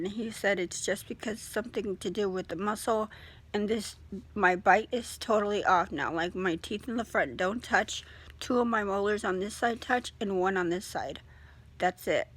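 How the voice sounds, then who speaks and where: A woman's voice: mid-range voice, slightly rough, rough recording. A young woman chatting casually in a video diary, her speech slightly impeded by a sore jaw that barely opens. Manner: talks with a sore jaw, mouth held fairly closed. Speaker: vlogger giving a surgery recovery update.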